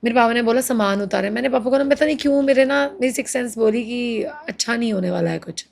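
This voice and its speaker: A woman's voice: a little high, quick pace, creaky. A woman in her thirties as an interview guest, recounting her marriage with emotion, mixing Hindi and English and acting out what others said. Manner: animated, mixes Hindi and English, quotes others in acted voices.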